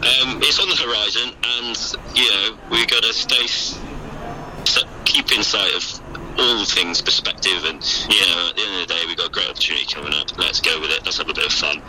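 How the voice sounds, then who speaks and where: A man's voice: deep voice, steady tone, a little fast, bright, forceful tone. A man with a British accent co-hosting a podcast by phone, chatting in a jokey, rambling, hesitant way. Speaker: podcast co-host and para-athlete. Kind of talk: casual chat. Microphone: phone call. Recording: noisy phone call recording.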